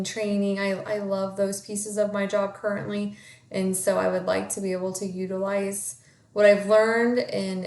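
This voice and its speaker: A woman's voice: mid-range voice, a little mellow, reverberant. Congested woman. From Kansas, USA. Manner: hesitant, many fillers. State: congested with a cold. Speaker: student introducing herself. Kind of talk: casual self-introduction.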